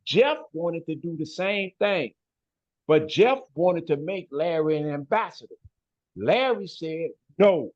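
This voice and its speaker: Guy, forceful talker, says man a lot, kinda high voice, muffled audio. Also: animated, slow pace. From west side of Chicago. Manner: emphatic, ends phrases with "man" and "bro". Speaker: guest. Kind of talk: casual interview talk.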